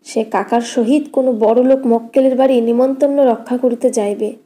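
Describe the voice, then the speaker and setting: Woman narrator, audiobook, classic novel, steady, measured, high voice.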